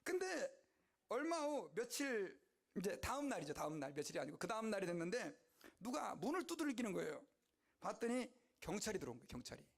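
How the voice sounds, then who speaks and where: A male pastor preaching a sermon, telling stories animatedly and calling out to his congregation. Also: high voice. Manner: animated, exclamatory storytelling to the congregation.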